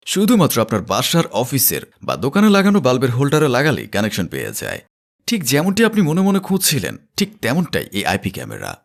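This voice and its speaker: A man with a Bangladeshi Bengali accent reads a scripted infomercial sales pitch in a persuasive, promotional manner. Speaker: advertisement narrator.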